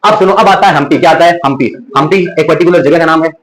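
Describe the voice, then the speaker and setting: A man's voice: on the high side, fast, a bit bright, rough recording. A young man with a Rajasthani accent teaching an exam revision lesson, drilling facts by asking and answering the same questions again and again, with chatty story asides. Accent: Rajasthani Hindi. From Rajasthan, India.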